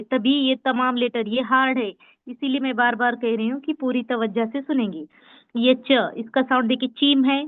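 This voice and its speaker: A woman with a slightly high voice leads an online class, sounding out each letter slowly and repeating it so it sticks. The audio is dry and narrow, like a phone line. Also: dry recording. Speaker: Urdu teacher. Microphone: online class call. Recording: tinny phone-like call audio.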